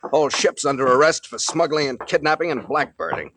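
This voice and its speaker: An actor playing a tough, commanding American adventurer captain in 1940s radio drama, speaking in blunt, clipped phrases. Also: male voice, on the high side, very animated, fairly quick, a bit bright. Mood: brisk, searching. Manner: clipped, take-charge, blunt. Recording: noisy, crackly 1940s radio recording.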